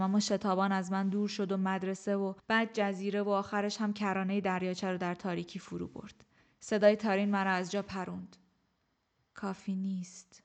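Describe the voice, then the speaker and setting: A woman narrating a first-person novel in an even, measured way. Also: mid-range voice. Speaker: audiobook narrator.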